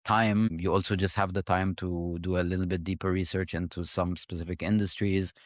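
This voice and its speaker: A man's voice: low-pitched, flat delivery, a little fast, no room sound, studio quality. A man in his thirties from Egypt, a startup founder giving thoughtful, conversational interview answers with frequent fillers and restarts.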